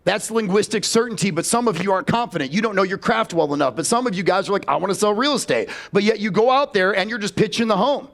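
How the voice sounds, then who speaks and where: A man's voice: high voice, expressive, fast talker, few pauses, a bit bright. Blunt, profane male sales trainer. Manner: blunt and profane, addresses the audience directly. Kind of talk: live seminar talk.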